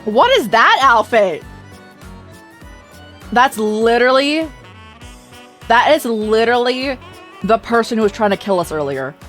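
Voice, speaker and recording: A woman streaming a game, chatting casually and reacting loudly with frequent laughs, her voice slightly hoarse. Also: a little high, unhurried, long pauses. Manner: animated, reactive, laughs often. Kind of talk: casual live-stream commentary. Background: faint game music.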